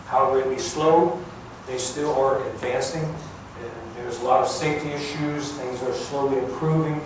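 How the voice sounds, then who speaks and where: In a cavernous, reverberant museum room, a retired air traffic controller appears as a guest speaker, recounting his career in an informal talk. The older man's speech is unadorned and halting, pitched in the middle range, with fairly even intonation, and it's picked up from afar amid clear background noise.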